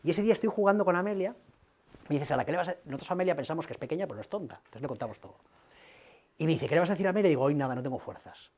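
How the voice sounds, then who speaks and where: A man, a guest speaker telling personal stories to an audience, acting out dialogue lively and swearing casually. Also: medium pitch. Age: 40s.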